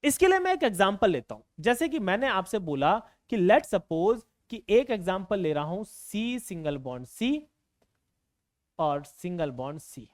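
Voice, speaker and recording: Guy teaching chemistry online, drags each phrase out slow, voice jumps up and down a lot, super dry close sound. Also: sits high, sing-song, no room sound. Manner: slow dictation, repeating phrases; coaxing, calls students beta and bhai. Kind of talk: online exam-prep lecture.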